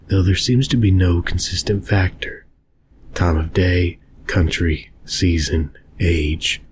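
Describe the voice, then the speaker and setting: Low, haunting male horror narrator. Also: darkish tone, a little hiss or hum. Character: haunted, fearful survivor hunted by unseen beings. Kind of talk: scripted first-person scary story narration.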